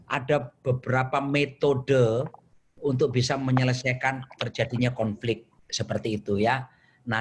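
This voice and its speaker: A man, a pastor, answering live questions about marriage conflict in a lively, storytelling way, acting out quarrels and quoting scripture. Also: medium pitch, a little hiss or hum. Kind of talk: answering questions in an online session.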